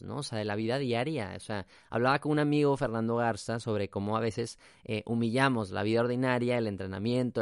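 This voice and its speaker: A man's voice: mid-range voice, smooth, dry recording, studio quality. A man with a Mexican accent hosting a podcast, talking in a casual, reflective monologue, slipping in English phrases and tag questions. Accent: Mexican Spanish. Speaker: podcast host.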